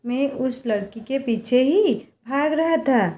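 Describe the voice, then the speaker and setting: A woman's voice: high-pitched, slow, mellow. A woman voicing a curious, stubborn young village boy in a storybook tale, speaking insistently. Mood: eager. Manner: insistent, protesting. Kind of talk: storybook character voice.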